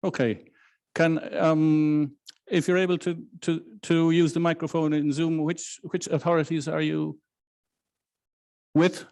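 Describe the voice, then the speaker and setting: Halting man giving a law lecture. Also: a little high, level tone, a little mellow, smooth. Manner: measured, halting, frequent restarts. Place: lecture room in Brussels, hybrid with online audience.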